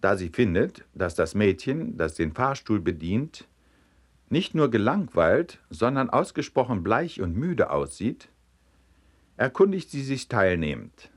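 A man reading a string of short jokes aloud with expressive storytelling. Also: fairly low pitch, measured pace. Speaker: narrator.

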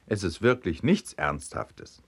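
A smug plumber talks in a calm, low, reassuring voice, as a man reading a comic tale puts him on. The storybook figure sounds unhurried and sure of himself. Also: breathy edge, heavily acted. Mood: soothing. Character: soothing, smug male plumber.

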